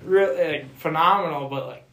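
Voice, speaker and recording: A man's voice: fairly high pitch, moderate pace, roomy sound, a loud crowd. A man working as a hunting guide, telling loose, profane stories with lots of laughter in casual podcast chat.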